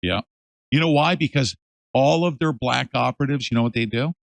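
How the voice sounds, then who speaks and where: A male host in a casual interview, emphatic and animated, swinging from loud to hushed. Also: mid-range voice, fairly quick, vocal fry, dry recording.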